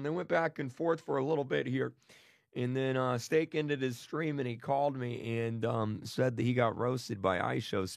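A man's voice: medium pitch, vocal fry, no echo, clean studio sound. A man hosting a gaming stream, chatting casually and rambling to his viewers with lots of restarts. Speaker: gaming channel host.

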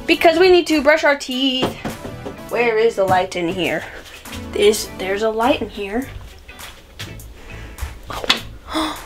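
A young woman vlogging casually, chatting playfully to her viewers. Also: high voice. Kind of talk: casual vlog chat.

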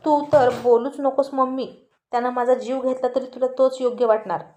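A woman voicing a quick-tempered teenage girl who snaps back indignantly. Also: sits high, flat delivery, warm tone, lightly acted. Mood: angry. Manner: snappy, indignant.

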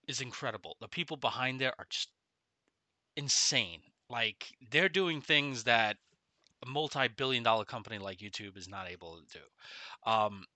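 Male game streamer, middle-aged, very bright forceful voice, mouth numb from the dentist, casual delivery, dry close sound. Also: mid-range voice, no echo. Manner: speaking oddly with half his face numb from the dentist. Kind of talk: casual gaming livestream chat. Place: small room at home, indoors.

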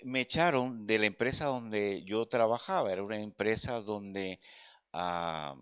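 A man's voice: medium pitch, a bit bright, smooth, no echo. Earnest preacher man, dry close sound. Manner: earnest, addresses listeners as brother. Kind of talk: sermon with personal testimony. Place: church.

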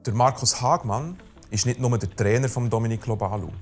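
Calm Swiss German-accented documentary narrator. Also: male voice, mid-range voice, fairly quick, soft background music.

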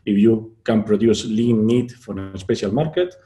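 Mellow man panelist with halting restarts. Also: lowish voice. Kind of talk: webinar panel remarks.

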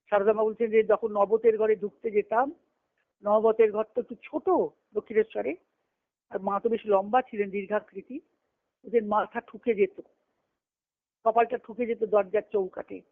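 A woman of medium pitch keeps a steady tone at normal speed, leaving long pauses, as she leads a devotional scripture discourse by conference call, explaining phrase by phrase and repeating. The sound is dry but muffled and lo-fi, typical of a phone line.

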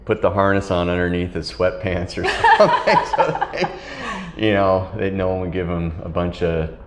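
Deep-voiced man, rambling sea captain. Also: expressive, normal speed, echoey room. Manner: rambling, laughs while telling stories. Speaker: tall ship captain. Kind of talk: casual storytelling interview. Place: wood-paneled ship cabin. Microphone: lapel mic.

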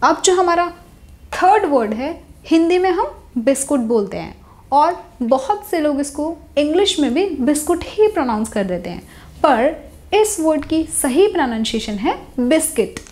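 Young woman teaching english words, high voice, bouncy lively delivery, says each word again slowly. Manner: clear, explanatory, repeats each word slowly. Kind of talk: Hinglish pronunciation lesson.

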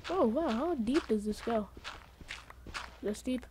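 Woman, gaming host, high-ish voice, rambling silly commentary packed with "like", bursts of excitement. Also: slow pace, noisy background. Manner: goofy, rambling, full of "like" fillers; jokey self-mockery, sudden excited outbursts. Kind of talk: casual gameplay commentary.

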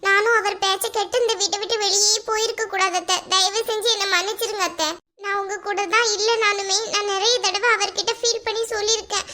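A woman voicing a young married woman in an animated family drama, emotional and pleading. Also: very high voice.

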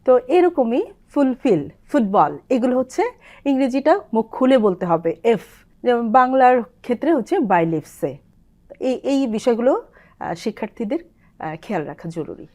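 A woman guest on a television language program, explaining pronunciation and slowly reciting short lines as examples. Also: on the high side, big pitch swings, mellow. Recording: television studio.

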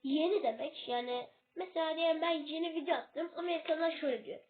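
A woman with a high voice explains English words in a casual video lesson. She hesitates and keeps losing her place, stopping to correct herself. Her voice comes through a thin, tinny, phone-like recording. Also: fast. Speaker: self-made English tutor.

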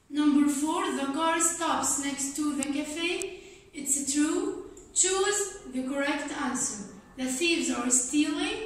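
A woman teaching English, reading a story aloud and explaining it slowly, repeating key words for learners. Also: sits high. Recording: very echoey, from a distance.

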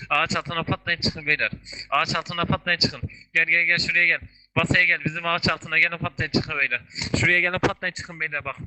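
A man leading his guild in an online game battle, giving quick repeated orders over voice chat. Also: a little high, pushed and bright, rough recording. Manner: rapid, repetitive barked orders. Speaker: guild leader calling orders.

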